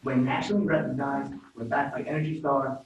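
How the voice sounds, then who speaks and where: A man's voice: medium pitch, brisk. A man from New York with a New York accent, giving a sales presentation to a room of realtors, full of rhetorical questions. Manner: animated, asks rhetorical questions. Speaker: guest speaker presenting to realtors. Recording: phone-like, echoey room from far off.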